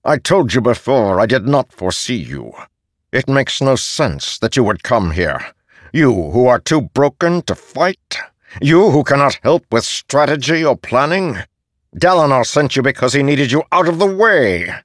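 A man voicing an ancient, arrogant male god-king who speaks in a slow, haughty, commanding way. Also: mid-range voice, big pitch swings, no room sound, clean studio sound, voice pushed up. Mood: contemptuous.

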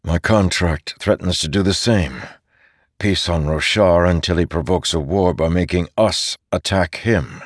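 A man plays a battle-hardened warlord in an audiobook, pressing his point with forceful, urgent questions. The voice sits deep and low, and the recording is dry. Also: measured pace, dry recording. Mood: earnest.

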